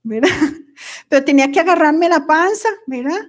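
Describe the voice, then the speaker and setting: Woman in her thirties, high voice, warm conversational workshop leader. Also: normal speed. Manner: conversational, tags sentences with a questioning aside. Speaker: workshop facilitator. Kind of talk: talk to a group on handling emotions.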